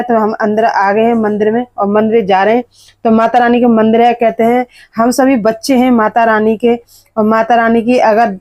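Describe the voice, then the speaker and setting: A woman's voice: fairly high pitch, darkish tone, no room sound. Chatty woman vlogging on her phone. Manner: chatty, talks straight to viewers. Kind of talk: casual vlog narration. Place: outdoors on the street and at a temple. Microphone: phone held while walking.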